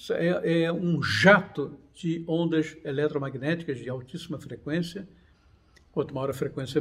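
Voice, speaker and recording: A man, talking casually to his viewers, animated and digressive, full of restarts and fillers. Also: fairly high pitch. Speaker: channel host. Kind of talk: casual talk to camera.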